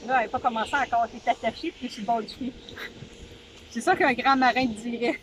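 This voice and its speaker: A woman with a Quebec French accent chatting excitedly and laughing aboard a sailboat at the dock. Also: a little high, fairly quick, crowd noise. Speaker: sailing vlog co-host. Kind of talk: casual chat on a boat.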